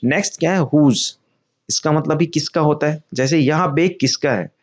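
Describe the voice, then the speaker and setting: A man's voice: a little high, moderate pace. A man teaching English vocabulary in Hindi. He often asks a question and answers it himself, repeats key words, and calls his viewers friends.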